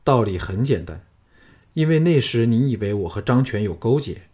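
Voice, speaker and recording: A man with a husky voice reading a cool, self-assured male swordsman hero in an audiobook, speaking low and measured. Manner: calm, low, measured speech. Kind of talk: audiobook character voice.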